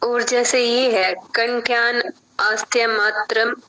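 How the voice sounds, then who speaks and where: Slow-speaking woman student asking politely. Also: fairly high pitch, level tone, pushed and bright, slight background noise, rough recording. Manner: polite, respectful questioning. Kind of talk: asking questions in an online class.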